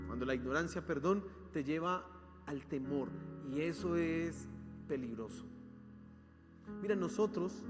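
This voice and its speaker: Man, Colombian accent, pastor, animated sermon, high voice, long hall reverb. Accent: Colombian Spanish. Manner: animated preaching, acting out cries and questions to the congregation. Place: church hall. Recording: long hall reverb with soft instrumental music. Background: soft instrumental music.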